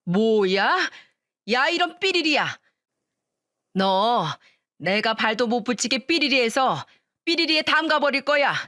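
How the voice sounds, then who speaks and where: A woman doing a shrill, cursing older mother-in-law. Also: expressive, slow pace, pauses often, bright, forceful tone, no room sound, clean studio sound, exaggerated voice. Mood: screaming threats. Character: furious screeching middle-aged would-be mother-in-law.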